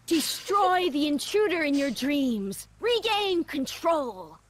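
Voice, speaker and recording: A woman voicing a dry, commanding amateur hypnotist in a video game, deliberate and sardonic. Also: sits high, very animated, full character voice.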